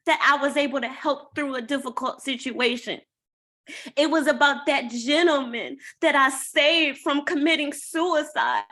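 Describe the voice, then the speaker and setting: High, slow-preaching woman. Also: bright, forceful tone. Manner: preacherly, rhetorical questions and answers. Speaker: guest speaker. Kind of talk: motivational testimony.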